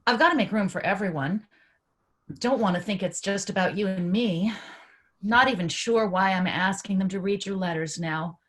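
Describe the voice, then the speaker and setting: A woman reading a devoted sister, earnest and full of feeling. Her voice sits in an ordinary middle pitch, and she reaches warmly toward her brother. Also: moderate pace, lightly acted. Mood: tender. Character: caring adult sister, anxious and tender. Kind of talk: staged play reading.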